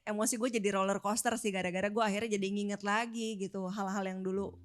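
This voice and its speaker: A woman's voice: medium pitch, little pitch movement, quick pace. A married woman, candidly telling a personal story on a faith talk show. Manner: candid, reflective. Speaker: co-host. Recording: music playing under voice.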